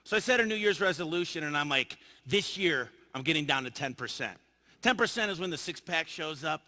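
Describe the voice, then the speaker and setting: A man's voice: on the high side, brisk. A man giving a motivational business talk, telling stories and acting out the dialogue in them. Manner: animated, acts out dialogue in his stories. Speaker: keynote speaker. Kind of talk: motivational storytelling speech. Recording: long hall reverb.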